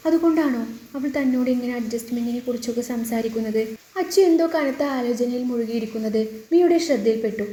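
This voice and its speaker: A woman reads a long family story aloud, voicing each character's lines in her own voice with soft emotional shading. Her tone is mellow and a little high, and the room around her rings with echo. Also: quick pace. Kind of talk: scripted narration of a serial family story.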